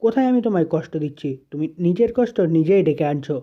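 A man's voice: a little high, expressive, fast talker, lightly acted. Brief: curt, accusing young husband, read by a man; dull lo-fi sound. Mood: cold. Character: cold, unforgiving young husband.

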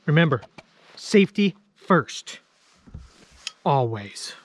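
At a snowy campsite at night, an outdoor vlogger in his thirties savors food and chats casually to camera for his viewers. He speaks slowly and very animatedly in a fairly high voice, with a little hiss or hum in the recording.

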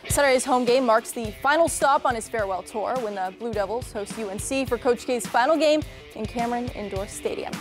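A young woman delivers scripted sports highlights with an upbeat, punchy rhythm. Her voice sits somewhat high. A faint music bed plays under her in the studio. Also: fairly quick. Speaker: sports reporter. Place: TV news studio.

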